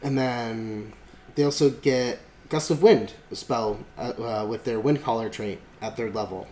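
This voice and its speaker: Here a podcast host talks in a mellow, mid-range voice at a measured pace. He meanders through casual conversation about a tabletop game, with many fillers and restarts. An echoey room adds faint noise.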